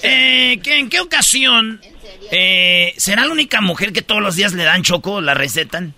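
High gravelly Mexican man, rowdy. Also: lively intonation, normal speed, sharp tone. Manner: teasing, rowdy. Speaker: game show panelist. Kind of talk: joking banter.

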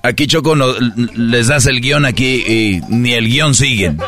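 A man's voice: mid-range voice, unhurried, music in the background. A man, bantering in slang as a radio co-host.

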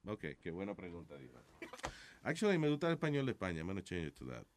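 Man, talk show host, relaxed, bouncy intonation. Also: low-pitched, quick pace, a little hiss or hum. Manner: laid-back, switches between Spanish and English. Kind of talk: casual chat show banter.

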